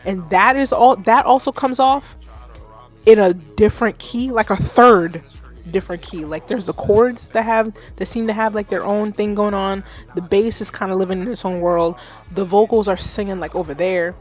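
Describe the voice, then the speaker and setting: A woman in her thirties hosting a live music feedback stream, chatting casually, animated and self-mocking, talking to her chat. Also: medium pitch, normal speed. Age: 30s. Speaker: livestream host giving music feedback. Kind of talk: casual livestream commentary.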